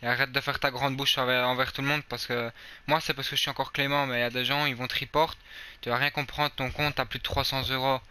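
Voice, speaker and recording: Belgian French man, very bright, clean voice, firm and lecturing, stammers on sentence starts. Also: medium pitch, little pitch movement, quick pace, clear, resonant tone. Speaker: gamer confronting an abusive player. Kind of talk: casual online voice chat.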